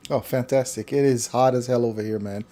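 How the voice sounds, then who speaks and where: A man hosting a casual live online talk show over a video call, chatty and relaxed, with frequent fillers. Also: mid-range voice, fairly quick. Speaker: host.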